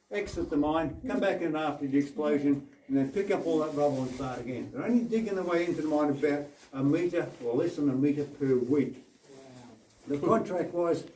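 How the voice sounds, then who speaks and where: A man's voice: a little high, dark tone. A man working as a mine tour guide, explaining step by step in a demonstrative way inside an underground tunnel, recorded at some distance on a camera mic. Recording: echoey, noisy tunnel, voice off from mic.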